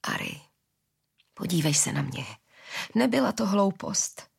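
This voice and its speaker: A woman reading a gentle forgiving father. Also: medium pitch, sing-song, creaky, husky, full character voice. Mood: earnest.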